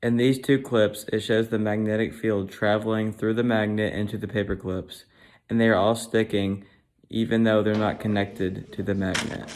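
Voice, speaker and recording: A man presenting a science show as its host, with a bright, upbeat, curious manner. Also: fairly low pitch, flat delivery, normal speed.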